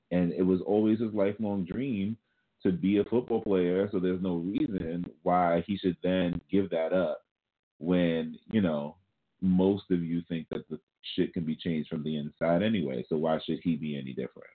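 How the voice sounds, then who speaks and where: A man's voice: low voice, husky. A man co-hosting a talk show, working through his points with rhetorical questions. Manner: deliberate, asks rhetorical questions. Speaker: podcast co-host. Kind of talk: casual talk-show commentary. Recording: tinny phone-like call audio.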